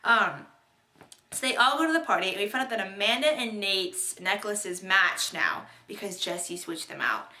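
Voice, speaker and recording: A woman's voice: medium pitch, bright, forceful tone. A young woman chatting casually as she recaps a TV episode, bubbly and rambling, with many fillers and restarts. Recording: echoey room.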